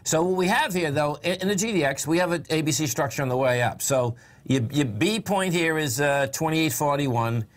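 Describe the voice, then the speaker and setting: A man's voice: a little high, animated, normal speed. An older man hosting a trading show in a studio, talking casually with folksy, enthusiastic repetition. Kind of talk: casual market talk. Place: TV studio at a desk.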